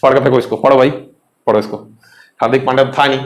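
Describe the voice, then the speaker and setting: A young man with an Indian accent teaches English vocabulary for an exam, talking fast in a steady, mid-range voice with a roomy sound. He's chatty, mixes Hindi with English and often asks his students questions.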